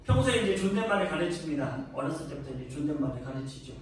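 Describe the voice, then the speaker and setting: A man's voice: on the high side, lively intonation, quick pace. A man preaching a sermon as a pastor, telling a family story in an earnest way that rises to emphatic peaks. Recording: echoey church hall, distant mic, faint noise.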